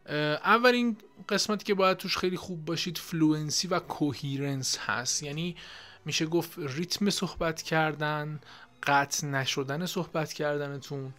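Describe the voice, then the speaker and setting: A young man from Iran teaching an exam-prep lesson in a casual, explanatory way, often pausing with fillers. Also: fairly high pitch, a bit bright. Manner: explanatory, with frequent filler pauses. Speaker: IELTS teacher.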